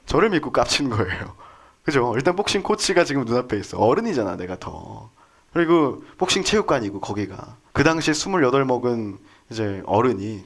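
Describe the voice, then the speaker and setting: Male preacher in his 30s, animated pitch, chatty and joking with the congregation. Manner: conversational, jokey, asks the congregation questions. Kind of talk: sermon with storytelling.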